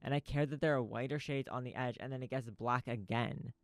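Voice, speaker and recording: A podcast host with a medium-pitched voice rambles fairly quickly from a small recording studio, with no room sound. His casual monologue is a profane, stream-of-consciousness info dump.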